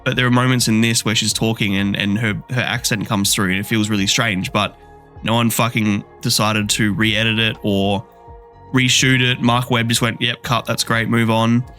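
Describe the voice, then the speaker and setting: Over soft music, a man with a fairly low, bright, forceful voice co-hosts a movie podcast. His delivery is flat and moderately paced, yet he is blunt, swears a lot and rants with mounting energy while reviewing a film in relaxed conversation.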